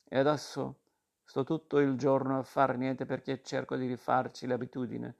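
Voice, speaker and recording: A man voicing an angry, insistent young war veteran with a creaky voice. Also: medium pitch, flat delivery, moderate pace, lightly acted. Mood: resentful.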